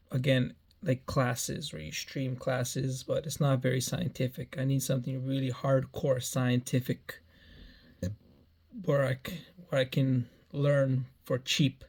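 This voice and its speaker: In a rambling personal update, a vlogger in his early thirties keeps repeating himself and starting phrases over. He speaks at medium pitch with vocal fry and a slightly mellow quality.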